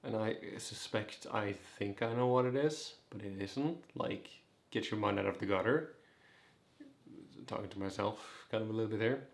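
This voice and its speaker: A man's voice: lowish voice, moderate pace, echoey room. A man in his twenties chatting casually in a vlog, rambling and making fun of himself as he goes. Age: 20s. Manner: rambling, self-mocking asides. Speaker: vlogger.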